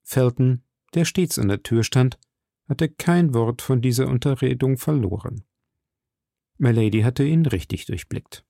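A man narrating a classic novel as an audiobook, in a steady, measured reading. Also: medium pitch, creaky, dry recording, studio quality.

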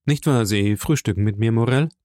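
A man voicing a calm, powerful count who speaks softly and measuredly. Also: on the low side, dry recording, studio quality, close to an everyday voice. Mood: gentle. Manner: soft, measured, gently smiling. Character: calm, powerful middle-aged count, gentle and mysterious.

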